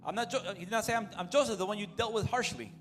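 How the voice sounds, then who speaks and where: A man's voice: sits high, fairly quick, fairly bright tone, soft background music. A man interpreting a sermon phrase by phrase, following right after the preacher and restarting now and then.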